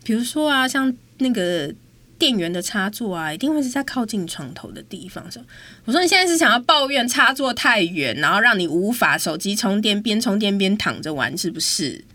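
A woman's voice: medium pitch, sing-song, normal speed, sharp tone, dry recording. A woman, telling a story in a casual, exasperated chat as host. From Taiwan.

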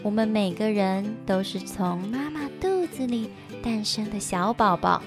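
Slow gentle woman storyteller. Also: medium pitch, over music. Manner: gentle, slow, addressing children. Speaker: children's storyteller. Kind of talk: scripted narration for children.

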